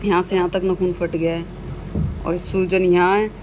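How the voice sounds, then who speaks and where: A woman's voice: lowish voice, level tone, normal speed. A woman vlogging casually at home, chatting with her viewers and calling them guys as she cooks. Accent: Hindi. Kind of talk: casual home vlog chat. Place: home kitchen. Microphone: phone camera. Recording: noisy home phone recording.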